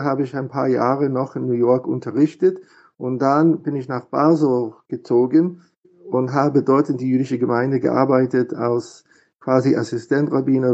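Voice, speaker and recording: This interview guest is a middle-aged American rabbi from Philadelphia whose first language is English. His mid-range voice sounds mellow, though the audio is dull, and he answers haltingly with frequent fillers and false starts.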